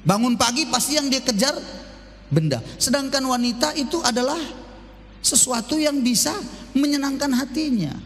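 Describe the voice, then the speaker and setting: A man's voice: high voice, in a large hall. A male pastor preaching a joking sermon, acting out husbands' and wives' voices. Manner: lively, joking, acts out spouses' voices. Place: church.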